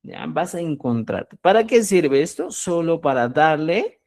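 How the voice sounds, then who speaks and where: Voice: medium pitch, very animated, unhurried, darkish tone. A teacher giving a live online language lesson, who asks the class questions, answers them, and draws out key words for emphasis. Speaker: Quechua teacher.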